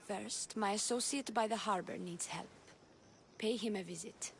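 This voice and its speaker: Woman playing a sly, poised priestess, measured and theatrical. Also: medium pitch, slight background noise, close to an everyday voice. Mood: persuasive. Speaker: game character. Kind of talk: video game voice acting.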